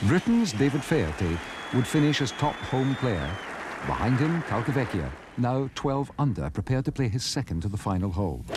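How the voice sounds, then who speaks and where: A man reading scripted golf documentary narration in a measured, dramatic storytelling way. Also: mid-range voice, very animated. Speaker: narrator of golf highlights film. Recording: archive soundtrack, crowd and background noise. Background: crowd noise.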